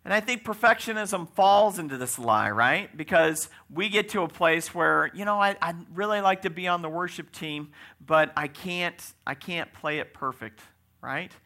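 Bright, gravelly-voiced folksy preacher man. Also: high voice, moderate pace. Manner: folksy, checks in with "right?". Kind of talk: conversational sermon.

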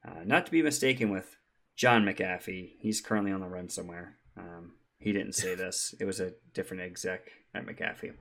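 A man's voice: low-pitched, moderate pace, creaky, fairly bright tone. A man co-hosting a casual tech podcast, chatty, with frequent ums and easy laughs. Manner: chatty, laughs easily, many ums and restarts. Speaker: podcast co-host.

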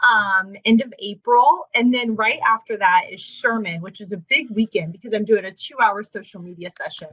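A woman's voice: medium pitch, normal speed, pushed and bright, slightly rough, dull audio. A woman in her thirties co-hosting a podcast, chatting casually and bubbly, laughing often. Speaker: podcast co-host. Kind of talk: casual chat.

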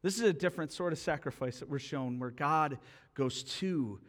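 High, bright-voiced male pastor preaching. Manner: animated storytelling, acting out both sides of a quarrel; drops to a quiet, slow hush for solemn points. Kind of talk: sermon.

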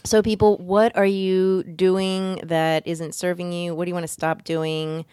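Deep-voiced, smooth woman podcast host. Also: level tone, measured pace, a little mellow, dry recording, studio quality. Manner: upbeat, coaching, teasing. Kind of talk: casual conversational podcast chat.

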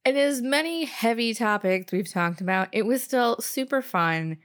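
A woman's voice: a little high, lively intonation, normal speed. A woman in her thirties co-hosting a podcast, talking casually with frequent fillers and giggles. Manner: chatty, giggly, lots of "like". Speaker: podcast co-host. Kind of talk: casual chat.

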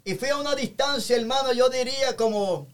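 A male evangelist with a notably high voice, telling his testimony with fervor. He keeps dropping short praise phrases between his sentences, in a warm conversational interview pace. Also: a little fast. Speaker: evangelist guest.

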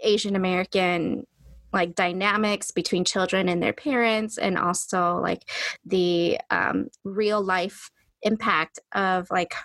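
A woman's voice: on the low side, fairly even intonation, slow pace, fairly bright tone, no echo. Woman co-hosting a podcast, close dry sound. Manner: informal, uses "like" often. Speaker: podcast co-host. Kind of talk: casual podcast chat.

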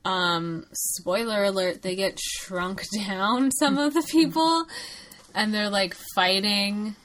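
A woman's voice: mid-range voice, slow pace, a bit bright. A woman co-hosting a podcast, chatting casually about a movie with lots of fillers and laughs. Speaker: podcast co-host.

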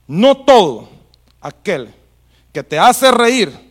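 A male preacher giving a language sermon. He tells a story softly, then builds to loud, repeated calls to the congregation. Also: sits high, big pitch swings, slow pace. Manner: rises to loud repeated exhortations, then drops to soft storytelling.

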